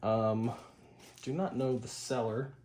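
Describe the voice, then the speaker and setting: This hi-fi repair channel host speaks at medium pitch with a slow, fairly even, slightly mellow delivery. His hands-on demonstration stays casual and cheerful, much of it mumbled to himself mid-task.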